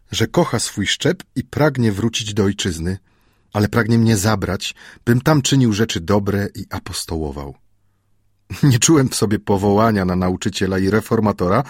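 A man reading an audiobook chapter in a measured, old-fashioned storytelling manner. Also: fairly low pitch, husky, no room sound, clean studio sound. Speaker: audiobook narrator. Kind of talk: scripted audiobook narration.

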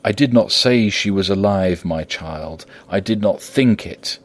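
Male reader doing an older professor: low, slow, solemn, compassionate. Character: old, grave, compassionate professor.

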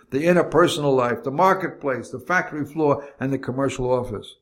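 A man's voice: medium pitch, creaky. Older man reading his memoir. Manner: measured, reflective reading. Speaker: narrator of his own memoir. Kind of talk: scripted memoir narration.

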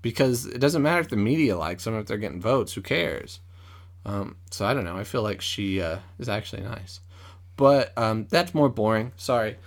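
A man's voice: lowish voice, expressive, normal speed. A man co-hosting a casual podcast at home, telling a story with lots of hesitation, ums and restarts. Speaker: podcast co-host. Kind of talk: casual chat. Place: at a table at home.

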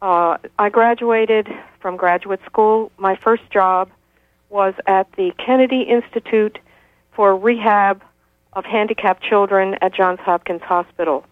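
A woman's voice: mid-range voice, fairly even intonation, measured pace, no echo. A woman in her sixties calling in to a radio show over a clipped telephone line, insistent and lecturing, with frequent hesitations. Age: 60s. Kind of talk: call-in radio talk.

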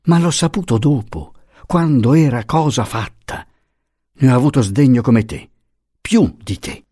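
A man voicing a hurt, pleading young wife, speaking with raised, impassioned pitch. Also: animated, measured pace, dark tone, slightly rough, no echo, clean studio sound.

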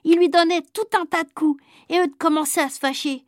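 A woman reading a children's story aloud in a lively, childlike first-person telling. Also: very high voice, fairly quick, no echo, clean studio sound. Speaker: audiobook reader. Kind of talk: storybook narration.

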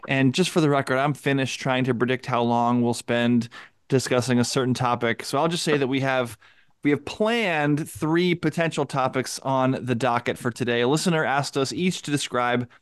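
A man of average pitch hosts a podcast in an orderly, articulate way. His delivery mixes prepared introduction with casual chat, and the sound is dry. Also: clear, resonant tone, no room sound. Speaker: podcast host and Anglican pastor. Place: basement.

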